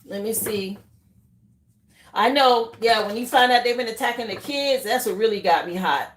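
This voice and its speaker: Woman, live tarot reader, emphatic, fairly high voice, echoey room. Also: normal speed. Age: adult, mother of children. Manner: emphatic, talks straight to viewers with repeated "okay". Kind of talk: live tarot reading for viewers.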